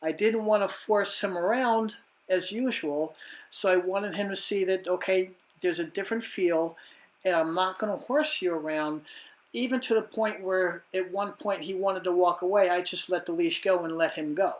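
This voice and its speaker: A woman dog trainer calmly explaining her training and patiently encouraging a dog with frequent praise. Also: fairly low pitch, normal speed, echoey room, distant mic.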